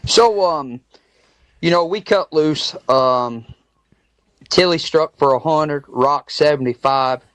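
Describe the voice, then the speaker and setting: A man who is a guest on a casual podcast, telling a story in a plain, relaxed way. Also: on the high side, slow, dry recording.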